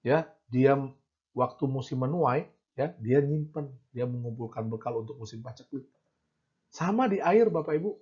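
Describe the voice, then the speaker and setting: A man's voice: mid-range voice, normal speed, darkish tone, breathy edge. A man giving an informal devotional talk, addressing listeners directly and acting out little quoted remarks. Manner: conversational, addresses audience directly, acts out quotes. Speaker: preacher. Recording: dull lo-fi sound.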